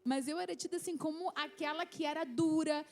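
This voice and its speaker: A woman's voice: high-pitched, brisk. A woman in her thirties from Rio de Janeiro, with a Carioca accent, telling a personal testimony at a church youth service in an earnest, storytelling way. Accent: Carioca Brazilian Portuguese. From Rio de Janeiro, Brazil. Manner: earnest storytelling, many restarts and "né?" asides. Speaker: testimony speaker.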